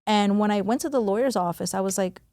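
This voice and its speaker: A woman from New York, a podcast guest talking quickly and candidly, full of "like" and "you know", acting out remembered lines. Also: medium pitch, dark tone, dry recording. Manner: rapid, full of "like" and "you know", re-enacts quotes. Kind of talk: candid conversational interview.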